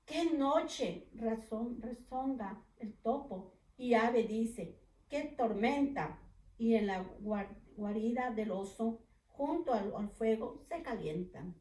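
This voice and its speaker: Woman, preschool teacher, slow gentle read-aloud, somewhat high voice, echoey room, distant mic. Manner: slow, gentle, asks the children questions. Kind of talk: children's storybook read-aloud.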